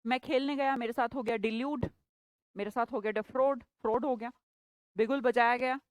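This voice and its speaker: A woman's voice: fairly high pitch, steady tone, a little fast, no echo. A woman teaching English vocabulary in a live online class, chatty and playful, teasing her students by name.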